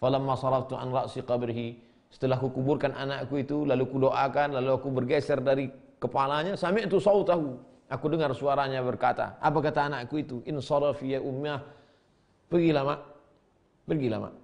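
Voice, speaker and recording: A man with a gravelly, creaky voice teaches from a classical Arabic text. He reads each Arabic line, then renders it plainly, repeating himself for his listeners. His voice sits at an ordinary middle pitch. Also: fairly even intonation, quick pace, a little mellow. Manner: shifts pitch sharply to act out quoted speakers. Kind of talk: reading Arabic text aloud and translating it line by line.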